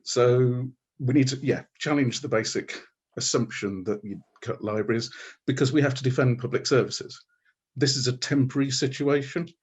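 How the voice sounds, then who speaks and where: Husky-voiced guy making his case in a debate, firm and pointed. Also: medium pitch, moderate pace. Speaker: Green Party candidate. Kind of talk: debate answer.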